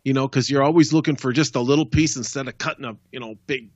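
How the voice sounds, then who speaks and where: A man's voice: mid-range voice, steady tone, fast talker, no room sound, dull audio. A man co-hosting a home improvement talk show, chatting casually in an easygoing, rambling way. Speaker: co-host. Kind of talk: casual chat.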